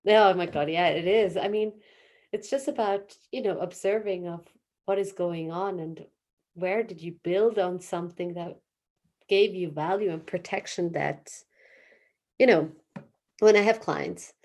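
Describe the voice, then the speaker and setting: Low-voiced woman talking in restarts. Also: unhurried, a little mellow. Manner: searching for words, many fillers and restarts. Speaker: therapist guest. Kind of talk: casual interview talk.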